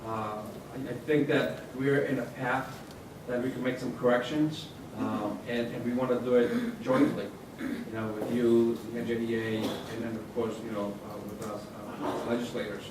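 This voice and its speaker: A male legislator addresses a panel audience, his remarks halting and full of fillers. He sounds distant from the mic, with heavy room echo and a clear hum of noise behind him. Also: mid-range voice, level tone. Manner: halting, many fillers and restarts. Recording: echoey hall, distant mic, noisy.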